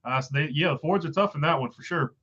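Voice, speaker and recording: Congested and losing his voice, this man runs a laid-back livestream, reading chat aloud and padding his rambles with fillers. He speaks a little high and quickly, with a fairly bright but husky tone, and the audio is dull.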